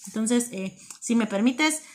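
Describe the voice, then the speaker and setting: A woman giving a devotional talk on marriage, earnest and unscripted, often repeating words for emphasis and pausing on fillers. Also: on the high side, expressive, a little hiss or hum.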